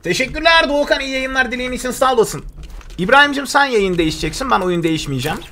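A man's voice: very high-pitched, fast, a little hiss or hum. Chatty young male gaming streamer. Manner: chatty, joking, excitable outbursts. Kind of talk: live gameplay commentary.

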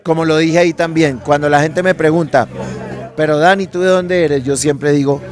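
A man's voice: fairly high pitch, steady tone, moderate pace, some chatter behind. A middle-aged man from Colombia, a singer, talking playfully and laughing in an interview on an outdoor patio, into a handheld mic. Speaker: merengue singer, interview guest. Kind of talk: casual interview. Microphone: handheld mic held by interviewer.

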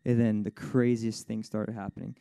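At a church service, a worship speaker shares a sermon testimony as a lively, casual story, his voice jumping high when things get exciting and laughter bursting out often. His tone is mellow, warm and smooth with vocal fry, at normal speed, peppered with "like" and "you know." It's recorded close and dry, with no echo.

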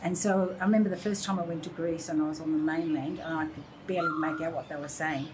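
In a room beside large windows, an Australian woman in her sixties reminisces as a guest in a casual interview. She is an animated storyteller who acts out the voices of people she quotes, speaking in a low voice at a quick pace against a noisy background.

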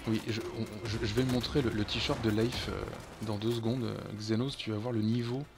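A man's voice: lowish voice, steady tone, normal speed. A man streaming a co-op game, chatting casually and swearing when things go wrong. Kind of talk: casual gaming chat.

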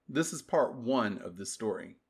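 A man teaching a beginners' language class, giving clear, patient step-by-step directions in a scripted voice-over. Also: fairly low pitch, lively intonation, moderate pace. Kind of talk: scripted instructional narration.

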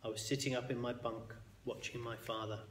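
A man reading a children's book aloud as a bedtime story, expressive and sometimes dropping to a hush. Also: medium pitch, a little fast, a little hiss or hum. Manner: expressive, with hushed quiet passages. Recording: echoey hall with long reverb.

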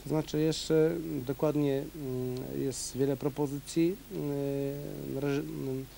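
A man, a kickboxing coach and organizer, answering questions in a local TV interview, pausing often with fillers. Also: medium pitch, level tone, creaky, dark tone, a little hiss or hum, poor audio. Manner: hesitant, many fillers.

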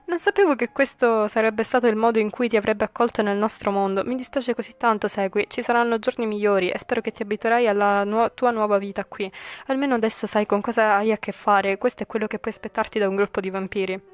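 A woman voicing a stern, composed male vampire in a visual novel, speaking low, hushed and firm. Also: fairly even intonation, fast talker, few pauses, dry recording, natural voice. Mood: apologetic.

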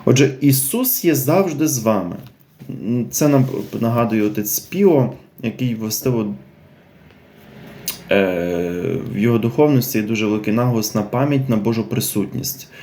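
A man's voice: medium pitch, moderate pace, dark tone, slight background noise. Hesitant spiritual talk from a man. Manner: unscripted, hesitant, many fillers, repeats phrases, asks "right?". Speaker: religious speaker presenting a series on a saint. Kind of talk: spiritual talk with a devotional greeting.

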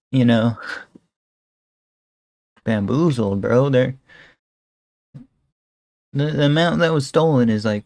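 This is a young adult man at home, streaming a laid-back reaction into a headset on webcam. He rambles, leaning on fillers such as "bro" and "guys," in a medium-pitched, gravelly, somewhat mellow voice captured dry.

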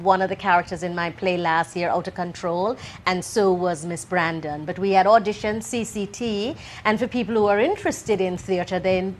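A woman's voice: on the low side, a little hiss or hum. A woman director explaining her play in a talk show interview, articulate with some fillers.

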